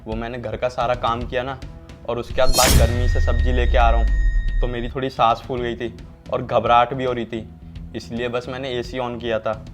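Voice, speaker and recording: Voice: medium pitch, level tone, moderate pace, close to an everyday voice. An actor playing a meek, pleading male servant. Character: timid, humble male household servant. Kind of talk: scripted Hindi skit acting. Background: loud background music.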